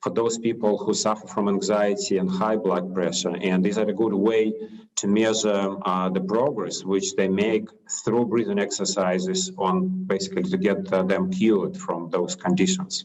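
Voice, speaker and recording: A man asking interview questions in a halting, hesitant way with many fillers. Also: sits low, fairly even intonation, a little mellow, rough recording.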